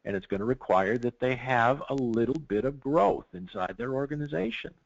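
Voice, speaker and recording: A man working as a risk management consultant, talking animatedly and excitedly in an interview, often restarting his sentences. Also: mid-range voice, moderate pace, vocal fry, dull audio, a little hiss or hum. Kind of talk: podcast interview.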